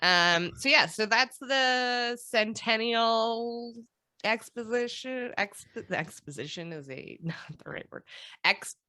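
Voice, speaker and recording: A woman's voice: a little high, lively intonation, slow, sharp tone, no room sound. A woman co-hosting a podcast in casual chat, telling stories with lots of fillers and laughter. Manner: playful storytelling with frequent fillers and laughs. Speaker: podcast co-host.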